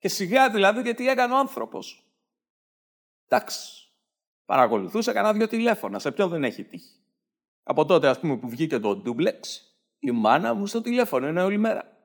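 A man's voice: high-pitched, very animated, pauses often. A man with a Greek accent delivering a sarcastic satirical stand-up monologue. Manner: sarcastic, mocking, slips into mimicked voices. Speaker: satirical comedian.

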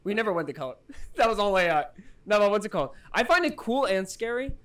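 A young man co-hosting a podcast in casual chat, animated, swearing and laughing often. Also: high voice, quick pace. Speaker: podcast host.

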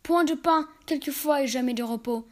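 A woman reciting verse fables in a measured, expressive way. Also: high voice. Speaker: reader.

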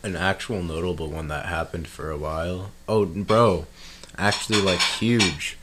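Young male co-host, very low voice, slangy and profane, clear clatter of dishes behind. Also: fairly even intonation, unhurried, background noise. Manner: slangy, swears a lot, teasing. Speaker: podcast co-host. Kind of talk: casual chat.

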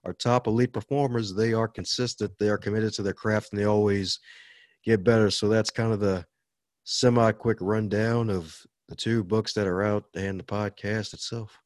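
An upbeat man from Baltimore talks as a guest on a podcast interview. His voice sits a little low, and the sound is close and dry with no room around it. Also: steady tone, moderate pace, no echo. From Baltimore, USA. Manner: upbeat, laughs often. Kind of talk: casual interview talk.

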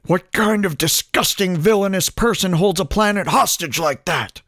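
A man voicing a pompous, hot-tempered Martian general in a comic audiobook, shrill and indignant. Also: moderate pace, a bit bright, no room sound, studio quality. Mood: scornful.

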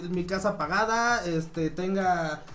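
A co-host in their late twenties leads a casual podcast chat. They run through each point with animated, joking energy at a mid pitch. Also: slow pace, a crowd in the background.

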